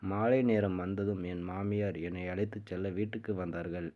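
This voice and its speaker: A man narrating a first-person short story in a steady, even reading style. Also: low voice, moderate pace. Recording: tinny phone-like sound.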